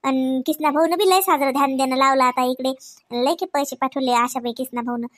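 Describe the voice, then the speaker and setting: A woman with a high, steady, natural voice talks briskly as a chatty, unpolished village sister-in-law in a comic cartoon. She has a Varhadi Marathi accent and a folksy, rambling way of searching for words while she explains things.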